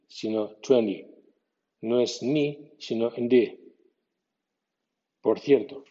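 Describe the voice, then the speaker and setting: A man teaches pronunciation at a very slow, deliberate pace, stopping to demonstrate each sound and example word. His voice is low, warm and a little husky. The recording is dull and lo-fi, with a long reverb trailing behind him. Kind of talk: scripted instructional podcast.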